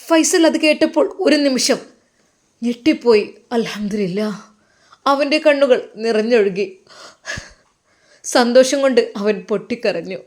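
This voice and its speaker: A woman's voice: on the high side, animated, a little slow, long pauses, a little mellow. A woman narrating an emotional story in a dramatic, sentimental way.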